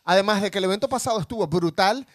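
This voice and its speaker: A man with a Venezuelan accent co-hosting a podcast, bantering loudly with crude jokes. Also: high voice, rapid-fire, a little hiss or hum. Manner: loud, joking, crude banter. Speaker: podcast co-host. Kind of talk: casual comedic chat.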